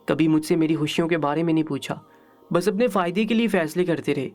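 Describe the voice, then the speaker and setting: A man's voice: a little high, a little mellow, soft background music, lightly acted. A man voicing a hurt, tearful young daughter in a storybook reading, with a pained, pleading delivery.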